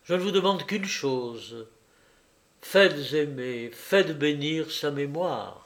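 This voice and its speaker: A man's voice: on the high side, animated, slow pace, a bit bright, exaggerated voice. A man reading a grave young sailor. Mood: solemn.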